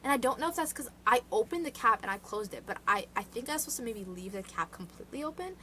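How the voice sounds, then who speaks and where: A woman's voice: fairly high pitch, lively intonation, fast, bright, forceful tone, slight background noise, low-quality recording. A woman vlogger casually retelling true crime cases in a rambling way, full of "like" fillers and side chatter, recorded indoors. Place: indoor room.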